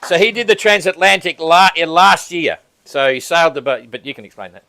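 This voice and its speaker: A man hosting a sailing prize-giving event, giving a relaxed, chatty speech and laughing often. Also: fairly high pitch, a little fast, creaky, a little hiss or hum. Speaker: event organizer and host. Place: event venue at a sailing academy.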